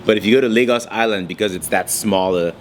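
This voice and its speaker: A young man from Nigeria talks in a low, deep voice as a guest in a casual interview. His manner is relaxed, with lots of fillers. Faint noise sits behind him. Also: fast talker.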